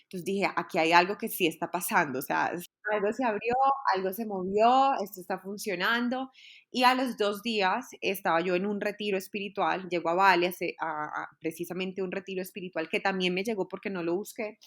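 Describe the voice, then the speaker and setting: A woman recounts a personal journey as a podcast guest. Her voice sits at an ordinary middle pitch, and her telling is earnest and heartfelt, circling back over words as she goes. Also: a little fast, a bit bright. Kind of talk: personal storytelling in a podcast interview.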